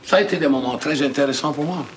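An actor playing a courteous, sly older gentleman, speaking formally and with measured politeness in a period drama. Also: a little high, close to an everyday voice. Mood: courteous, knowing. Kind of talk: television period drama acting. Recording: noisy soundtrack with clicks.

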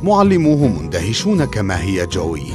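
A man narrates a story in a scripted, expressive way. His voice sits low and swings widely in pitch, over a clearly audible music bed. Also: moderate pace.

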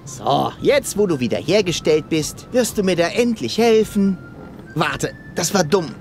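A man's voice: sits high, big pitch swings, unhurried, soft background music, heavily acted. An actor voicing a cocky, sarcastic young male game hero who talks in a cheeky, mocking way. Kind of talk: game voice acting.

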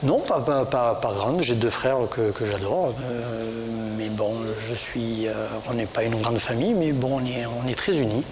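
A man in his thirties with a strong regional French accent, speaking off the cuff and haltingly as a studio guest. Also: medium pitch, noisy background. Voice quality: halting speech. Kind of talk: unscripted talk. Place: television studio with audience. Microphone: lapel.

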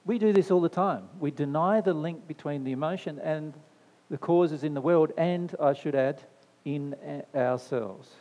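His voice is a little high and warm, at a normal speed, though the recording is muffled and carries a long hall reverb. Speaking indoors at a discussion venue, he delivers a spiritual talk, answering the live audience's questions conversationally, checking in with "right?" and repeating phrases for emphasis.

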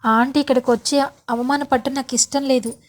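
A woman voicing a young woman ill with a fever, speaking softly and in a subdued way. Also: sits high, steady tone, fairly quick, lightly acted. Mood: tired. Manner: soft and subdued.

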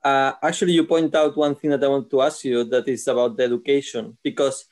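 A man in his thirties with a Catalan accent, asking a long, halting question with many restarts during an online seminar, speaking from a sofa into a laptop on a video call. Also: mid-range voice, little pitch movement, a little mellow. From Catalonia, Spain. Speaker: seminar participant, visual artist. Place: living room sofa, indoors. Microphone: laptop camera on a video call.

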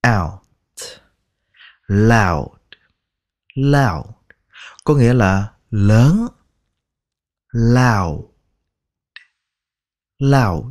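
A man teaching English phrases, patiently repeating each word slowly and clearly in a lesson. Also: mid-range voice, darkish tone. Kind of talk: language lesson.

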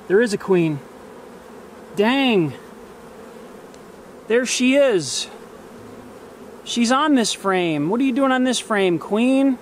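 Standing in a grassy bee yard, a forties-aged man with a very high, expressive voice narrates his beekeeping work slowly, leaving long pauses and partly addressing himself. The vlog-style hive inspection carries slight background noise and the buzzing of bees and insects.

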